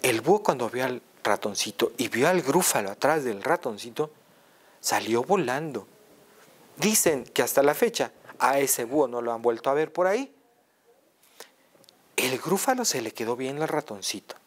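A man telling a children's tale aloud in an animated, playful way, full of repetition. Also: mid-range voice, normal speed, slightly rough. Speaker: storyteller. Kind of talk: oral storytelling for children.

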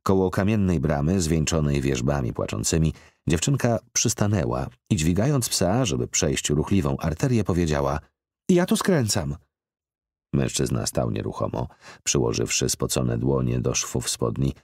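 A man narrating a literary audiobook in a measured, expressive reading. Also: very deep voice, gravelly, no echo. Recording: dry close studio recording.

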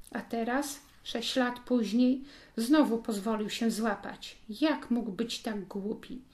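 A woman reading a story aloud as an audiobook narrator, in slow, deliberate scripted narration. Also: on the high side, a little mellow.

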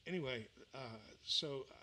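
At a moderate pace and with a mid-range voice, an older male musician rambles in relaxed between-song chat, full of fillers and restarts, during a livestream. He's from Mississippi, raised in Louisiana, and uses a vocal mic on a stand in a small indoor venue.

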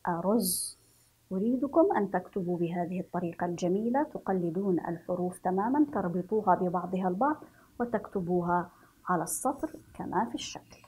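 A breathy woman from Yemen gives a children's reading and writing lesson. She stretches each word out slowly, syllable by syllable, in a steady mid-range voice. She speaks like a patient classroom teacher. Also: medium pitch, low-quality recording. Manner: slow, drawn-out syllable-by-syllable reading for young pupils.

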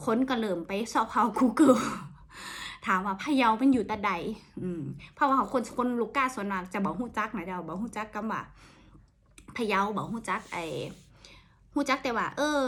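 A woman vlogger with a Northern Thai accent talks casually to her viewers. She chats easily, repeats words as she goes and fills pauses with soft "mm" sounds. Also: medium pitch. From Northern Thailand. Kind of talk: casual chat to camera.

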